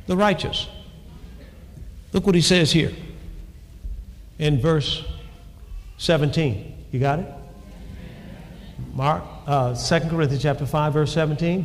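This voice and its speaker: A man preaching a sermon, calling out to the congregation and shouting lines for emphasis. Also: a little high, a little hiss or hum. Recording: long hall reverb, faint ambience.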